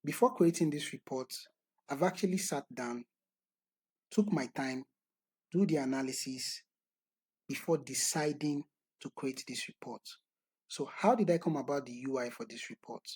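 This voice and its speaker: A man talking through a screen-recorded software tutorial step by step, in a methodical way. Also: medium pitch, moderate pace, pauses often, breathy edge, no room sound, low-quality recording. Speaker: tutorial instructor.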